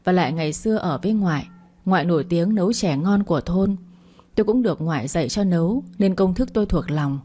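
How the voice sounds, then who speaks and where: Low mellow female storyteller. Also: expressive, fairly quick. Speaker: narrator. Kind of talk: first-person story narration.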